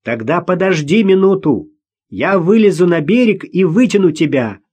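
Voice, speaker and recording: A man's voice: sits high, lively intonation, normal speed, darkish tone, breathy edge, voice pushed up. A man voicing a brave man who gives firm commands and keeps up a dry, cheerful humor in danger. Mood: calm.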